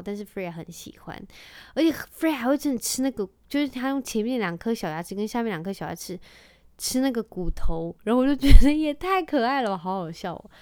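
A woman, a mother telling stories to her vlog audience in a lively, chatty way and mixing in English phrases. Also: mid-range voice, clear, resonant tone, dry recording. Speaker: vlogger and mother. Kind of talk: casual chatty monologue.

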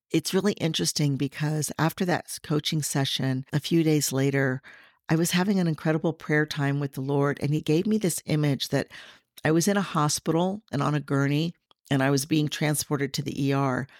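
A middle-aged woman hosting a faith podcast, sharing personal reflections in an earnest, gently teaching way. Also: low voice, vocal fry, no room sound, clean studio sound. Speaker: podcast host.

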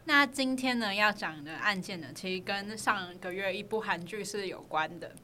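A woman's voice: medium pitch, normal speed, pushed and bright, a little hiss or hum. A woman with a Taiwanese Mandarin accent tells a true crime story as a podcast host, in a conversational narrator's style.

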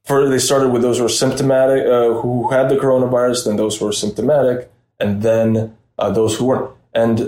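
A young man from Russia, a reporter talking as a guest in a casual interview, animated and rambling with many fillers. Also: mid-range voice, fairly quick, hardly any pauses, echoey room.

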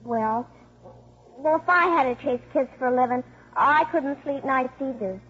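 In a muffled 1950s radio broadcast, an actress with a high, slightly bright voice plays a streetwise, precocious schoolgirl at normal speed. She sounds cocky and cheeky, brash and unimpressed by grown-ups, and her talk is slangy and matter-of-fact.

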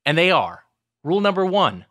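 A man's voice: sits high, big pitch swings, moderate pace, a bit bright, no echo, clean studio sound. A man hosting a podcast, shifting between announcer-like reading and casual, mock-dramatic banter. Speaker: podcast host.

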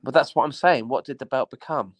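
A man's voice: mid-range voice, brisk, no room sound. A man co-hosting a podcast, jokey and teasing the others. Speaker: podcast co-host. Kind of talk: casual chat.

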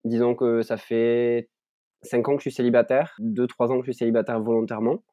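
A man in his twenties with a southern French accent, talking as a podcast guest. His voice is warm and mellow, recorded close and dry. He reflects on his experiences at an unhurried pace, often pausing and restarting. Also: mid-range voice, little pitch movement, no room sound. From southern France, Ariège. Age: 20s. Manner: thoughtful, many fillers and restarts. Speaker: guest, content creator. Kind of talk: reflective conversational storytelling. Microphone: remote recording.

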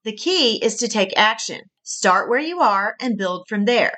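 A woman's voice: fairly high pitch, lively intonation, measured pace, bright, forceful tone. A middle-aged woman with a Southern US accent hosting a faith-based podcast, earnest and encouraging, laughing at her own slips. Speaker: podcast host and career coach.

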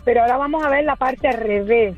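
A woman with a high voice gives firm, no-nonsense advice as she calls in to a radio show. Her phone line sounds dull and muffled. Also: fast talker, faint music behind. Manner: firm and advising. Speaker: radio caller. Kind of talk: phone-in comment.

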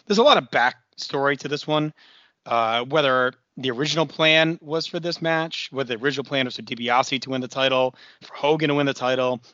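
A man with a hoarse, raspy, worn-out voice, talking casually as a podcast co-host. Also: mid-range voice, a little fast, bright, forceful tone, no echo, highs cut off. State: hoarse, voice nearly gone, throat-clearing. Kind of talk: casual conversational podcast talk.

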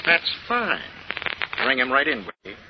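An actor playing a gaunt, vengeful villain who speaks low and menacingly, on an old radio broadcast. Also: male voice, sing-song, unhurried, vocal fry, dull audio, background noise, heavily acted. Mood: gloating menace. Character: gaunt vengeful male villain gloating over a captive.

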